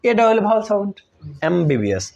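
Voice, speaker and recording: Guy teaching grammar, kinda high voice, slightly muffled audio. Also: very animated, a little fast, creaky, darkish tone. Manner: conversational, asks pupils checking questions. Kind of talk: informal classroom explanation.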